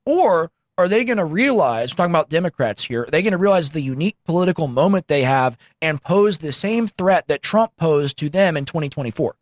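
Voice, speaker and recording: A man with a slightly high voice hosts a political call-in show. He talks informally and emphatically, pushing his opinions, in a dry, close recording. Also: expressive, brisk, few pauses, dry recording. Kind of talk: political talk show commentary.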